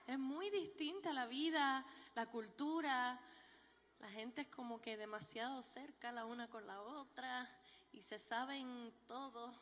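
A woman gives a church testimony, telling her life story with a joking, warm manner. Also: high-pitched, a little slow. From Puerto Rico. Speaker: guest speaker giving a testimony. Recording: dull, echoey large hall.

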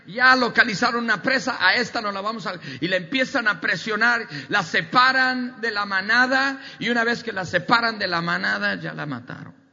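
Male preacher, emphatic sermon, very bright voice, dull recording with long hall echo. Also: sits high, moderate pace, vocal fry, few pauses. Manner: emphatic, repetitive preaching with rising outbursts.

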